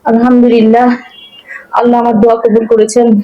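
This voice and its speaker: A pious wife, played by an actress in a short film drama. She pleads earnestly and respectfully, in a voice slightly higher than most women's. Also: flat delivery, fairly quick, lo-fi sound, close to an everyday voice. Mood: reassuring, devout. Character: pious, imploring wife of a drinking husband.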